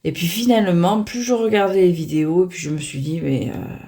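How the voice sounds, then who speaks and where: Woman, casual unboxing host; lowish, fry-edged voice; hesitant, self-mocking, fillers throughout. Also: brisk, mellow. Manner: chatty, hesitant, many fillers and restarts. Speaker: tarot deck reviewer.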